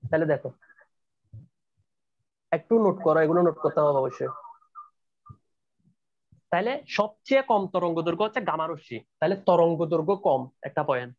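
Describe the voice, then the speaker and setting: A man's voice: a little high, lively intonation, fairly quick, long pauses, a little mellow, highs cut off. A young man teaching a chemistry class online, repeating key points and often checking that his students are keeping up.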